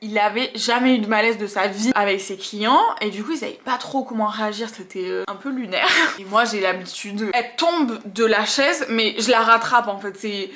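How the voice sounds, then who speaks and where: A woman's voice: medium pitch, normal speed, few pauses. A woman tattoo artist telling stories from her work in a vlog, acting out the scenes and the things people said as she goes. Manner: animated, acts out scenes and quotes. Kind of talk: storytelling vlog.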